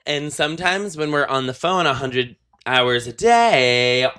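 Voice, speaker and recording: Young man, podcast co-host, campy, playful, bright tone, casual chat. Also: mid-range voice, expressive, unhurried, clean tone. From New York. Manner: campy, playful, says "honey".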